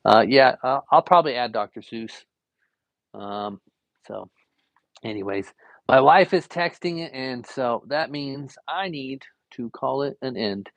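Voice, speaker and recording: At a measured pace, a young adult art teacher and variety streamer talks in a gravelly, medium-pitched voice with no echo. Drawing live from home, he rambles in a relaxed, easygoing way packed with fillers.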